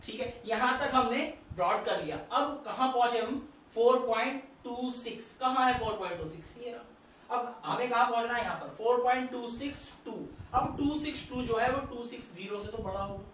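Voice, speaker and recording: A man's voice: extremely high pitch, normal speed, fairly bright tone, a little hiss or hum. A male maths teacher, explaining a problem step by step and counting aloud as he draws on the board. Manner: explains step by step, counts along while drawing, asks rhetorical questions. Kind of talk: whiteboard math lesson. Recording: echoey room from far off.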